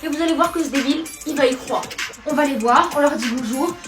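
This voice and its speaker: A woman's voice: high-pitched, quick pace, over music. A woman acting in a comedy sketch, scheming and confiding asides to the viewer. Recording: roomy, mic at a distance.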